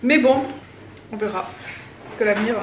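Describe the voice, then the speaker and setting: Folding laundry at home, a woman from France in her thirties rambles casually to camera for her vlog. She speaks at normal speed with a fairly high pitch, recorded on a distant mic with roomy echo and background noise.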